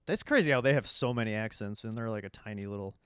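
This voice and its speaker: Young man, Chicago accent, easygoing podcast chat, smooth voice, dry sound. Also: on the low side, fast, a bit bright, no room sound. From Chicago area. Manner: easygoing, many fillers. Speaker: podcast co-host. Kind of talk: casual chat.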